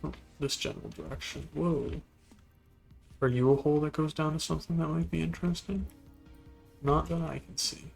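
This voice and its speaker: A man giving relaxed, musing commentary while playing a video game, now and then talking to things on screen. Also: fairly high pitch, normal speed, gravelly, faint music behind. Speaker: gameplay video host. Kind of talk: casual gameplay commentary.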